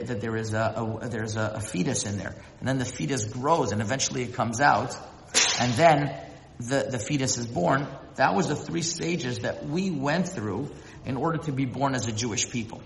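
Halting male Torah teacher in echoey hall. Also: mid-range voice, fairly bright tone, slight background noise. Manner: halting, repeats words while searching for them. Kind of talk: religious lecture. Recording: echoey hall with long reverb.

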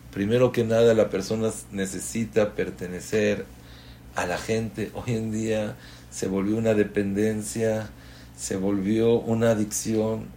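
A man's voice: lowish voice, warm tone, slight background noise. Impassioned man preaching. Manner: impassioned, preaching with strings of rhetorical questions. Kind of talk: Torah class sermon.

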